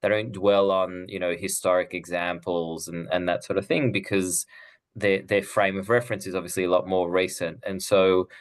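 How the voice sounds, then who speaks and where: A middle-aged man, born in Israel and raised in Australia, speaks in a low, fairly flat voice at a moderate, smooth pace. He is an author being interviewed as a guest in conversation, and he comes across as earnest and thoughtful, restarting his sentences often.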